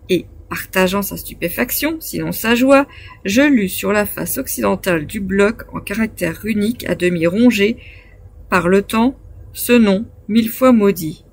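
A woman reading a classic adventure novel aloud as an audiobook narrator, in a measured, phrase-by-phrase delivery. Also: medium pitch, vocal fry, breathy edge, no echo. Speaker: audiobook reader.

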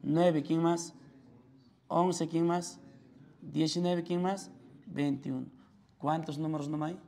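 A man's voice: fairly high pitch, fairly even intonation, takes it slowly, mellow. A man with a Peruvian accent teaching math to a classroom, constantly quizzing his students and calling them "joven". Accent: Peruvian Spanish.

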